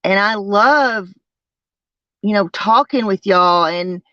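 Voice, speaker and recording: Slow, twangy Southern US livestreamer, unclear recording. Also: mid-range voice, sharp tone, dry recording. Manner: halting, repeats phrases. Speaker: livestream host. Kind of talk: casual livestream chat. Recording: dull lo-fi sound.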